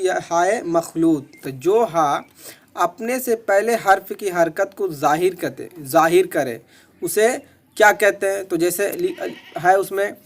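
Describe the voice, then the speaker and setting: High-voiced man teaching exam answers. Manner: repeats questions and answers, methodical. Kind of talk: exam-prep lesson.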